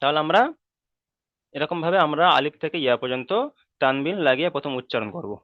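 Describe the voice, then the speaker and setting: A man's voice: fairly high pitch, fast, no echo, muffled recording. A man teaching an online reading lesson, patient and repetitive, often checking that students follow. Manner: patient, repeats points, checks understanding often.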